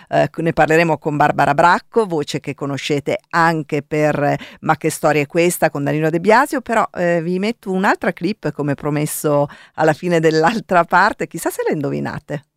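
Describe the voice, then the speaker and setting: A woman hosting a morning radio show in a casual, talkative way, often pausing with hesitant fillers. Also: low-pitched, dry recording, clean studio sound. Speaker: radio host.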